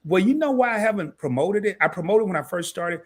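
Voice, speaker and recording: The host of a laid-back live-stream interview speaks a little fast in a high-pitched voice, which is somewhat scratchy tonight. He keeps things lively with slang and jokes that poke fun at himself.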